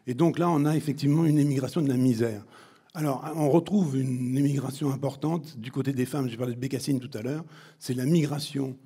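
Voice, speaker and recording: A man who is an author speaking at a public talk, halting and restarting mid-phrase. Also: medium pitch, creaky, mellow, husky.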